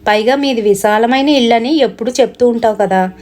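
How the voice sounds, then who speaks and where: Woman doing a coaxing young friend, pitched a little high, storybook read-aloud. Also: brisk, darkish tone, lightly acted.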